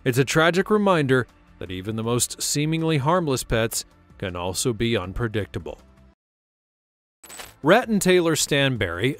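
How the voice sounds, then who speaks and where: A man narrating a scripted wildlife countdown, steady with dramatic emphasis, over faint music. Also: mid-range voice. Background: faint background music.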